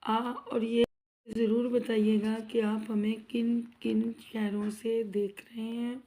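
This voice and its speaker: Slow and flat, with a voice on the high side, a cooking channel host with a sore throat narrates a casual vlog in her home kitchen. She's chatty, calls viewers "guys" and asks for subscribes.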